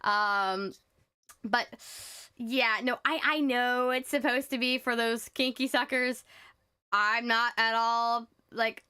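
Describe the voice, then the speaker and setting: Woman, streamer, casual rambling chat, stutters, nervous, high-pitched, bright tone. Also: takes it slowly, clean tone. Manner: rambling, stuttering, animated rant.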